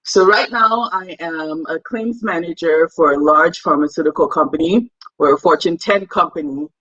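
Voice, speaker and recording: A woman's voice: low-pitched, normal speed, a bit bright, breathy edge, highs cut off. A young woman from Cameroon, a guest in a casual interview, talking in a chatty, self-deprecating way and laughing easily. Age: young adult.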